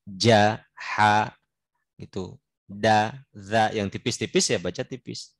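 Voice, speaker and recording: A man's voice: lowish voice, fairly even intonation, slow, vocal fry, no echo. A man teaching a recitation class, reading classical verse and translating it line by line, drawing out example sounds to model pronunciation and often stopping to correct himself. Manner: reads Arabic verse, then translates and explains it line by line. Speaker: Islamic religious teacher. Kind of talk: recitation class explaining a classical Arabic poem.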